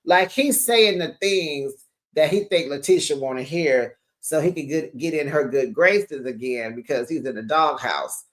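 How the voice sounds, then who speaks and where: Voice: medium pitch, a little slow. A host, giving a sassy, slangy, casual reality-TV recap straight to viewers.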